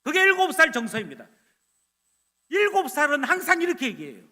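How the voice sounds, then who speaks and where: A man preaching a sermon loudly and energetically, acting out little scenes of dialogue. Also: very high-pitched, brisk. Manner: animated, loud, acting out dialogue. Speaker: pastor. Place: church sanctuary. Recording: long church hall reverb.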